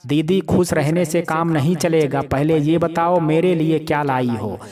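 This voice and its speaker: A man's voice: fairly high pitch, unhurried, natural voice. A man voicing a young man teasing his older sister in a playful, cheeky way, with crowd noise behind.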